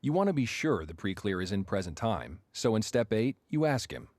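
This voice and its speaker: A man giving a scripted instructional narration, explaining each step clearly. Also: lowish voice, very animated, a little fast, darkish tone, no echo.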